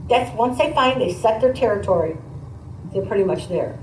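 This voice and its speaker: A female teacher reads aloud to children, breaking off for conversational asides, explaining things and prompting listeners with questions. Her voice is medium-pitched, animated and darkish in tone, at a moderate pace. The mic sits at a distance in a roomy, noisy space.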